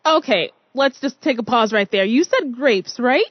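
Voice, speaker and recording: A woman hosting a radio interview, playful and quick to laugh. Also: on the high side, lively intonation, dry recording, highs cut off. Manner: giggly, playful, laughs often. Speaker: radio host.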